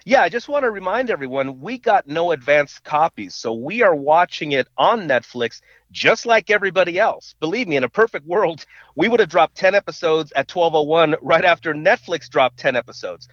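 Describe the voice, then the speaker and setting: Heard through a dull, muffled phone line, a man co-hosting a podcast talks casually, frequently stumbling and repeating words as he starts sentences. His voice is fairly high and bright, with lively intonation, normal speed and no echo.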